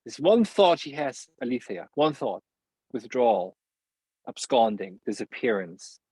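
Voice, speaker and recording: Husky, halting male philosopher guest. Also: mid-range voice, sing-song, darkish tone, no room sound, low-quality recording. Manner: searching, halting phrasing with many restarts and laughs. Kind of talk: reflective interview conversation.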